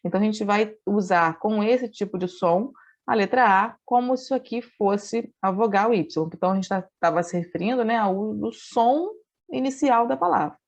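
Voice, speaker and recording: Speaking at a normal pace and medium pitch, a female teacher patiently takes her online class through English grammar one step at a time, frequently saying "né?" and "então" to check in. The recorded lesson sounds dull and lo-fi.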